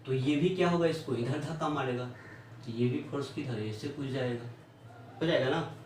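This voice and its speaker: A man's voice: medium pitch, moderate pace, a little mellow, slight background noise. Guy teaching physics, keeps checking the class, mic far off in a really echoey room. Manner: keeps asking the class questions, repeats "है ना?". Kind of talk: classroom lecture at a board.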